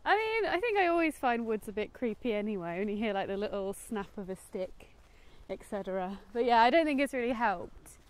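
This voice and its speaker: A young British woman co-hosts a film discussion vlog, chatting informally and in an understated way as she walks outdoors through woods and a golf course. Her voice is a little high, brisk, and lively in intonation.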